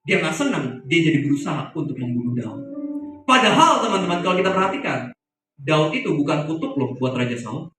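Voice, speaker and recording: A man's voice: a little high, brisk, far from the mic. A man preaching a sermon, telling stories and asking the congregation questions. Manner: lively, asks the congregation questions. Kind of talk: youth sermon with storytelling. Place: church hall. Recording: very echoey hall, mic from afar, music.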